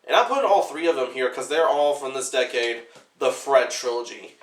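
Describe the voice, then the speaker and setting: A man's voice: mid-range voice, expressive, brisk, a bit bright, far from the mic. A young man giving rambling, unscripted movie-review commentary, filling his talk with "like". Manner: rambling, says "like" constantly. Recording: roomy sound from off-mic.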